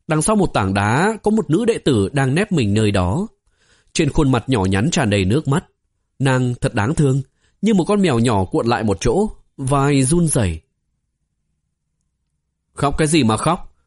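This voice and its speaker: A man narrating a fantasy novel as an audiobook, in a steady storytelling manner. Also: medium pitch, slightly rough. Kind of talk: scripted narration.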